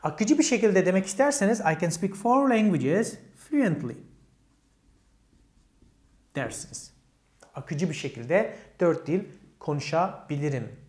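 This teacher's voice is high and slightly mellow with big swings in pitch, and he talks a bit slowly with long pauses. He guides Turkish speakers through English grammar step by step, asking and then answering his own questions, saying examples with a Turkish accent; the room echoes.

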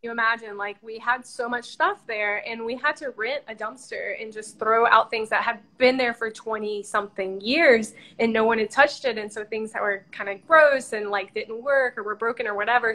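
A woman's voice: fairly high pitch, normal speed, sharp tone, poor audio. A woman from the United States interviewing a guest over a video call, chatting and telling a personal story at home. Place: indoors at home.

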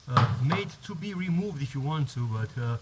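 Heavy background noise surrounds this man's voice, which sits on the high side with lively intonation and a moderate pace. He's a vlogger filming a casual how-to on his home driveway by the garage with a head-mounted action cam, rambling, restarting sentences and going step by step.

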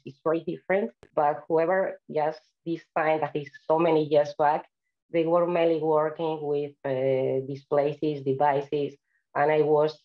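Speaking with a Spanish accent, a woman from Spain presents an online seminar over video call as an invited speaker. Her deep voice, with the highs cut off, stays chatty and warm, often broken up by "uh."

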